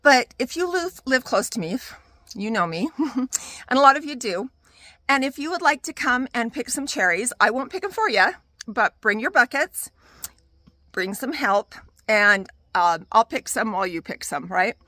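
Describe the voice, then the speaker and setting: A woman's voice: fairly high pitch, lively intonation, normal speed, pushed and bright, no room sound. An older woman chatting casually and homely while touring her garden outdoors, with easy fillers and little laughs. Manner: chatty and homey, with fillers and self-deprecating laughs. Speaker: gardening vlogger. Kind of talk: casual garden tour chat.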